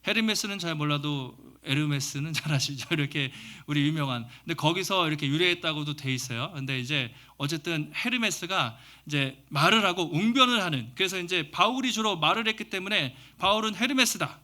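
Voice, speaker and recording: A male pastor preaching a sermon in church, telling the story lively with sound words and imitated voices. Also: fairly high pitch, fairly quick, few pauses. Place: church sanctuary.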